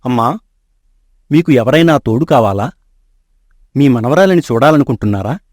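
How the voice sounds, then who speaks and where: A woman's voice: very deep voice, expressive, normal speed, darkish tone, no room sound, clean studio sound, voice pushed down. A woman voicing a dutiful, courteous royal minister in a storybook tale, speaking politely and deferentially.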